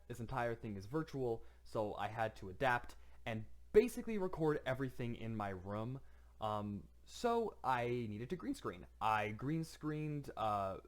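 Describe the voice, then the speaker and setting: A young man casually commenting on his own showcase, enthusiastic, laughing often and using many fillers. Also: medium pitch.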